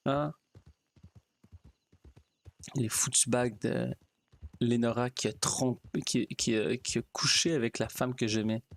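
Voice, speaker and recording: A man, chatting casually as a streamer, rambling and halting. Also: mid-range voice, dry recording. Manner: rambling, halting, with restarts and fillers. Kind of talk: casual out-of-character chat while gaming.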